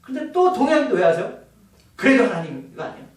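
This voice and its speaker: Man, pastor, sermon, high voice, very lively pitch, heavy church hall echo. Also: very fast. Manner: animated, questions to congregation. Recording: echoey hall, voice from far off.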